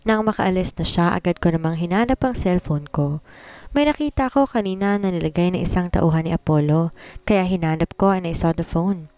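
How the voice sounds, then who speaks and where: A woman narrating a romance story in the first person with a steady, even reading. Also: on the low side, fairly quick, clear, resonant tone, dry recording.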